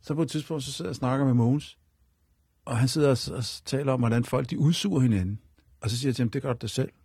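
A man's voice: medium pitch, vocal fry, warm tone, slightly rough, no room sound, studio quality. A man telling a personal story as a radio guest, in a rambling, repetitive way. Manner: rambling and repetitive, leaning on fillers.

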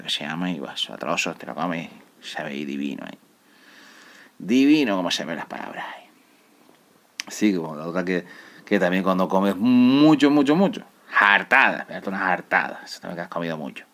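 A man from the Canary Islands with a Canarian Spanish accent, casually explaining local slang words as a podcast host, now and then dropping into quiet, near-whispered asides. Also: deep voice. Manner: lively, drops often into near-whispered asides.

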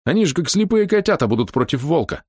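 A man reading an audiobook, voicing a wounded young pilot who talks in an excited, dreamy way. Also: a little high, fast talker, breathy edge, dry recording, clean studio sound, pitched above the performer's own voice.

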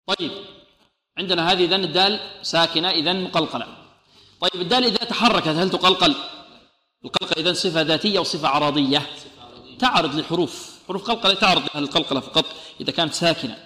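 A man teaching Quran recitation rules, who asks questions and answers them himself and drills each sound slowly. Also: a little high, bright, forceful tone, roomy sound, in a large hall, low-quality recording. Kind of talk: tajweed lesson with recited examples.

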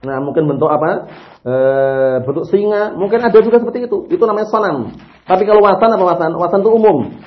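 Male religious teacher, fairly high voice, quizzes his class, dull lo-fi recording. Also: quick pace. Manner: lively, asks rhetorical questions and answers them himself. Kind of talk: explaining a religious text to a class.

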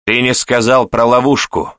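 A man's voice: mid-range voice, level tone, moderate pace, a bit bright, clear, resonant tone, no room sound, studio quality, voice pushed up, natural voice. A man voicing a grim terse raider chief. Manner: terse, hissed questions. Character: grim male raider commander, menacing. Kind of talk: audiobook character voice.

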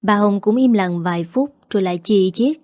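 A woman reads a story aloud in a steady, even way. Her voice sits mid-range. The recording is dry and close. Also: medium pitch, moderate pace, dry recording. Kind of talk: scripted story narration.

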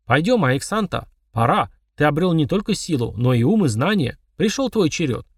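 A man's voice: fairly high pitch, very animated, slightly rough, dry recording, clean studio sound, exaggerated voice. Tekui, a man voicing a solemn old dwarf elder. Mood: gentle. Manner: solemn, unhurried, proverb-like speech. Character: wise gentle old male dwarf elder.

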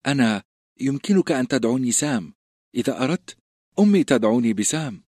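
A man's voice: medium pitch, animated, fairly quick, darkish tone, no echo, clean studio sound, voice pushed up, lightly acted. A man doing a stammering timid fat boy. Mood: shy. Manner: hesitant, stammering, apologetic. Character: plump timid teenage boy, stammering coward. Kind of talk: audiobook character voice.

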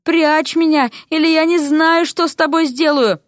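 A woman's voice: high voice, fairly even intonation, moderate pace, no room sound, studio quality, pitched above the performer's own voice, close to an everyday voice. A woman voicing a panicky young witch turned into a frog, who pleads and threatens. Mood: panicked. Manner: breathless, pleading then threatening. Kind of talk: audiobook character voice.

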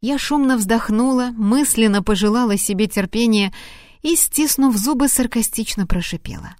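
A woman's voice: on the high side, normal speed, dry recording. Woman reading a novel aloud, dry close sound. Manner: expressive, acting out dialogue. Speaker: audiobook reader. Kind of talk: scripted first-person novel narration.

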